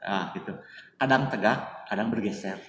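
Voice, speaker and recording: A man's voice: on the low side, normal speed, fairly bright tone. A man telling a story as a guest in a casual interview, chatty, speaking of himself by his own name, with many fillers. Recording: echoey distant room with faint noise.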